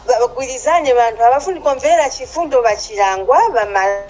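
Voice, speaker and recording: A woman's voice: on the high side, fast talker, darkish tone. A woman phoning in to a radio talk show. Her line is clipped and keeps cutting out, and she pleads with urgency. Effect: breaking-up phone line that cuts out. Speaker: radio call-in caller. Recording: clipped, distant phone line.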